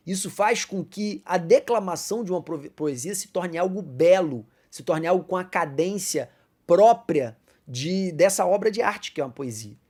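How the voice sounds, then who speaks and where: A man's voice: sits high, dark tone. Brazilian man teaching Sunday school. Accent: Brazilian Portuguese. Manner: explanatory, addresses listeners as brothers, recites verse slowly. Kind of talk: Bible class lesson.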